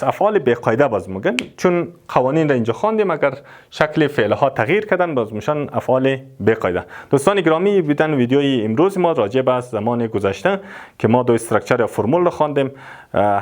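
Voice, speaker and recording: A male teacher, his voice sitting a little high and swinging widely in pitch. He walks through a grammar lesson patiently, saying each example twice at an unhurried pace. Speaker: English teacher.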